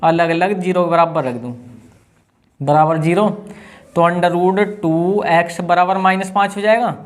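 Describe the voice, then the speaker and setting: A high-voiced man teaches a math class with a tinge. He works through each step aloud and keeps asking his students questions. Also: steady tone, unhurried. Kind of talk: classroom lesson.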